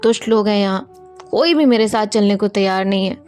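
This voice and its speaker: A woman's voice: mid-range voice, brisk, a little mellow, faint music behind, lightly acted. A woman voicing a cheeky playful young woman. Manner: teasing, joking.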